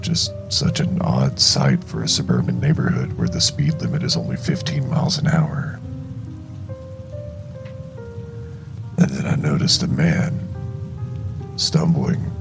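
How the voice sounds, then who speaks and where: An exhausted, shaken young male zombie survivor played by a man narrates his horror audio journal. The voice is extremely deep and heavily creaky, and it moves slowly with halting, dramatic pauses. Music plays clearly behind it. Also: full character voice. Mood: weary dread.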